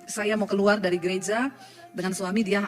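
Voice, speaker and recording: A woman's voice: mid-range voice, fairly even intonation, brisk, faint music behind. A woman pastor giving a sermon before a live congregation, telling a personal story, joking, laughing and often speaking straight to her listeners.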